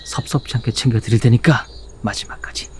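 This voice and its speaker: An actor playing a smooth-talking, deferential middle-aged resort developer, polite and hesitant, in a web drama. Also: male voice, medium pitch, a little fast, darkish tone, slight background noise, natural voice. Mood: sly, flattering. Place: outdoors in the countryside.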